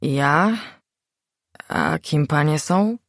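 A woman's voice: low-pitched, expressive, very slow, no echo, clean studio sound, heavily acted. A woman voicing a confused, timid young man who speaks in a thin voice and stammers. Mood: bewildered.

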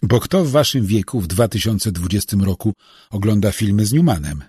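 A man voicing an easygoing young male driver who talks in a relaxed, teasing way. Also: on the low side, a little fast, husky, dry recording, studio quality.

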